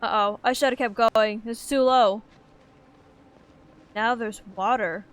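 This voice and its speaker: A woman's voice: fairly high pitch, steady tone, slow pace. Wry woman streamer over game music. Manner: wry, chatty asides. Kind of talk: casual game commentary.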